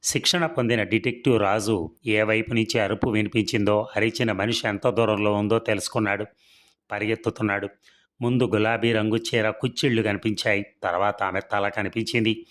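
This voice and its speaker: A man reading a serialized story aloud in a steady, even storytelling manner. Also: lowish voice, a little fast.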